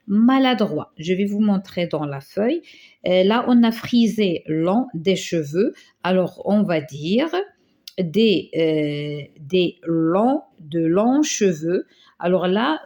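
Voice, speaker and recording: A woman teaching a grammar lesson to schoolchildren, reading out examples slowly and hesitating often. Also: on the low side, warm tone. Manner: slow, stretches example phrases, frequent hesitations. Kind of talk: grammar lesson correcting exercises.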